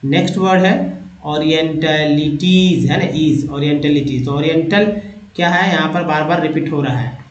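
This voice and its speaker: A man with a fairly high voice teaches English vocabulary, reading long words very slowly and breaking them into their parts. He keeps repeating each word and prompting his listeners as he goes. The room around him is noticeably echoey. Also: lo-fi sound. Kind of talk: reading word list aloud, explaining word parts.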